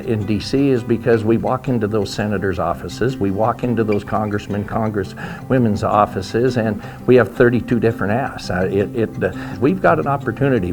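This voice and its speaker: Low-voiced American man, halting delivery. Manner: halting, repeating words. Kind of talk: interview talk.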